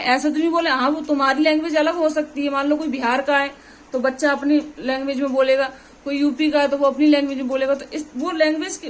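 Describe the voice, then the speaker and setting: High-voiced woman teaching grammar. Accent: Hindi of Uttar Pradesh. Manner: explains with examples, repeats "ठीक है" often. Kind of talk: exam-prep grammar lesson.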